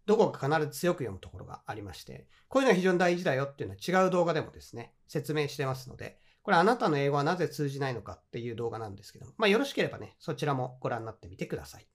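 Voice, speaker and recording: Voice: mid-range voice, very animated, racing, hardly any pauses. An English teacher with a Japanese accent, explaining grammar points in a friendly, encouraging way.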